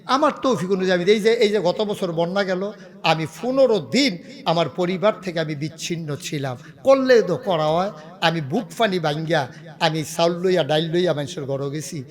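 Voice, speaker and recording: Man, Bangladeshi regional accent, middle-aged preacher, fervent sermon, rather high-pitched voice. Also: animated, moderate pace. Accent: Bangladeshi regional Bengali. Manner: impassioned preaching, swells to loud cries. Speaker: pir and preacher. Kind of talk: Bengali waz sermon.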